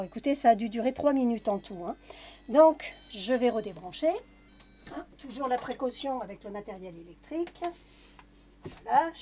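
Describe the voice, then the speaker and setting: A woman casually talking through a kitchen demonstration, narrating each step with little fillers. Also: fairly high pitch. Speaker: home cooking vlogger. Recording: dull lo-fi home recording.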